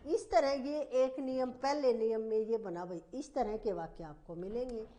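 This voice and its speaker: A woman teacher giving a slow, repetitive grammar lesson, asking the class questions as she explains. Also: fairly high pitch, dark tone. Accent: Hindi.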